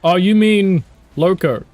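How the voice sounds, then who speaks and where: A young man with a New Zealand accent chats with his stream viewers in a loose, jokey way, swearing freely. His voice sits a little on the high side. The recording is dry and close, with no room sound. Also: takes it slowly, a little mellow, no echo. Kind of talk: casual chat.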